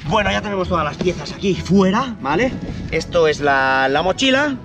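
A man in his forties with an accent from Spain, playfully presenting toys to children outdoors with drawn-out exclamations. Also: high-pitched, expressive. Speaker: host dad presenting toys with his kids. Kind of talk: playful toy unboxing and demo for children. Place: outdoors in a park. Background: music.

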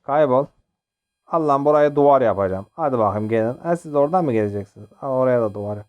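The recording is muffled, and the young man's medium-pitched voice goes at a quick pace. He hosts a gaming channel, cracking jokes casually over a mobile game, excitable and often yelping and laughing.

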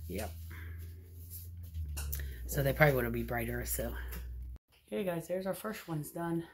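Cooking in her small home kitchen, a middle-aged vlogger chats casually to her viewers on a handheld phone camera. Her voice sits low and is animated, slightly slow and slightly mellow, with a faint hiss or hum.

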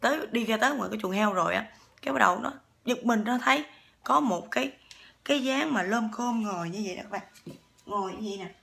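Gravelly, bright Southern Vietnamese woman. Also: fairly high pitch, fast talker. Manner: chatty, keeps addressing the listeners. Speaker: storyteller. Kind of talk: casual ghost-story telling.

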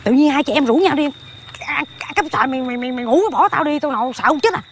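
A woman with a Southern Vietnamese accent playing a bossy, jumpy older sister who scolds loudly. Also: high voice, expressive, fast, a little hiss or hum. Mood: scolding. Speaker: comedy actor. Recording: music playing behind.

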